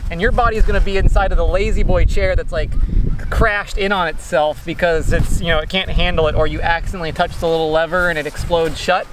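A man's voice: a little high, fairly even intonation, a little fast, background noise. A young man from the American Midwest, joking and bantering sarcastically in a casual vlog recorded outdoors on a beach. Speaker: vlogger. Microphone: camera on a tripod, later handheld at arm's length.

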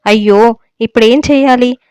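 A woman's voice: on the high side, steady tone, moderate pace, a little mellow, smooth, no echo, close to an everyday voice. A woman voicing a boastful, showy young newlywed man who mixes English words into his brags, in a storybook reading. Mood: dismayed.

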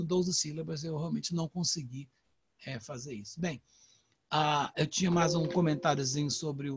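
An older man with a Brazilian Portuguese accent giving a relaxed online poetry lecture, talking conversationally with many "né?" tags and restarts. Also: medium pitch, vocal fry, a little hiss or hum. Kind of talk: informal literary lecture.

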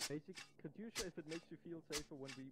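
A man's voice: fairly high pitch, fast, a loud crowd. A man playing an online military game, chatting casually with his team over voice chat. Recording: voice chat under very loud gunfire.

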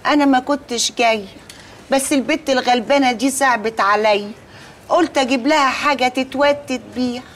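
Woman playing a loud folksy Egyptian aunt. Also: high-pitched, brisk, a little hiss or hum, natural voice. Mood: coaxing. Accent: Egyptian Arabic. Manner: boisterous, theatrical, rhyming folk quips. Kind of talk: TV comedy series acting.

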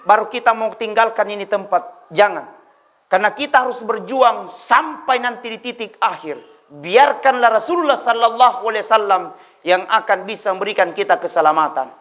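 A male preacher, his voice very high and bright. He tells stories in a chatty way, then lifts into loud exhortation. The audio is dull and lo-fi. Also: normal speed. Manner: storytelling, shifts between chatty asides and loud exhortation. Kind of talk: humorous sermon.

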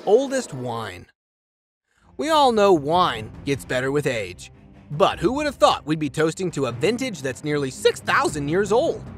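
A man delivers scripted countdown narration with a playful, slangy manner. His pitch sits a little high and swings widely from line to line. A music bed runs quietly underneath.

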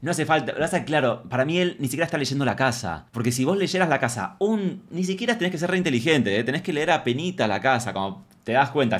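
A man with an Argentine accent rattles off cheeky gossip about a reality show in a casual commentary. His tone is sassy, and he often drops into low mutters. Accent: Argentine Spanish.

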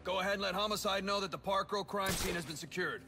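An actor voicing a brisk, matter-of-fact city police officer in a video game, heard over a police radio. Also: male voice, sits high, creaky, music in the background.

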